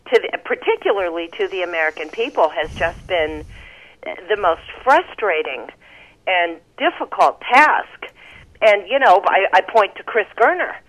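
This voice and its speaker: Radio call-in caller, heard over the phone, animated pitch, halting and filler-heavy. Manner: rambling, halting, with many fillers and restarts. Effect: heard over a phone line.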